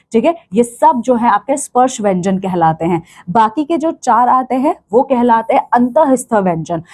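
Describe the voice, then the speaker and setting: A woman's voice: on the high side, dark tone. A woman teaching a grammar lesson to children, patiently explaining each point and checking in with "okay" after each one.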